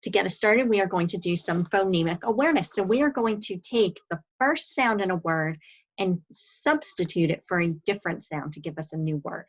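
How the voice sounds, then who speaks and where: A woman teaching a home-learning phonics lesson, drilling sounds slowly and clearly. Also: lowish voice, animated, muffled recording.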